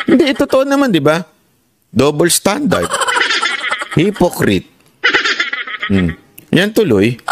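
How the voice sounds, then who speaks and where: A man giving casual political commentary on a live stream, mocking and rhetorical, always asking his listeners whether he is right. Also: heavy background noise. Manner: mocking and sarcastic, with sharp jumps in pitch.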